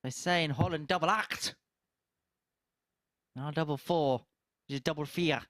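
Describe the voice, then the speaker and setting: A man's voice: on the high side, a little slow, a bit bright, no echo. A man from southern England with a southern English accent, giving casual live darts commentary and chatting with a colleague.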